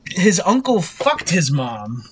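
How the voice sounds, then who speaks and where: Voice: mid-range voice, very animated, slow pace, slight background noise. A podcast co-host chatting in a laid-back, slangy, jokey way. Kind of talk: casual chat.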